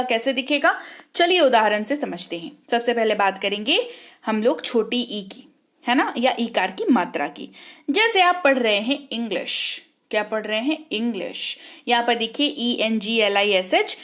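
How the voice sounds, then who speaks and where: A woman teaching an English lesson, spelling words letter by letter, then quizzing the listener with quick questions and repeating each answer. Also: a little high. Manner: repeats key points with rising question prompts. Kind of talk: online English lesson in Hindi.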